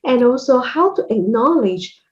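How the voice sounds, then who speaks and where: A woman hosting a chat on a video call, unhurried and affirming as she asks her questions. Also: a little high, expressive, lo-fi sound. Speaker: host.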